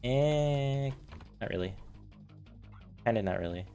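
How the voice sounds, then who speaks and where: A man's voice: deep voice, moderate pace, creaky, soft background music. A man streaming while building a game, casually thinking aloud and muttering settings as he tinkers.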